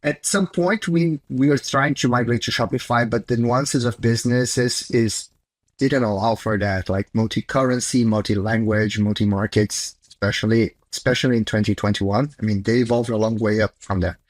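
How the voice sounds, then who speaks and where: Here a chief technology officer, a man with a Brazilian Portuguese accent, joins a casual interview by video call from his small indoor home office. His mid-range voice moves at normal speed with no room sound, and he talks bluntly and candidly in loosely phrased non-native English.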